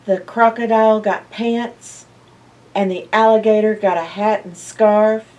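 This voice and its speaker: In a lo-fi recording with a slightly distant microphone, an older library storyteller sits by bookshelves indoors and reads a picture book to young children. Her medium-pitched voice is unhurried and expressive, with animated reactions and questions for her audience.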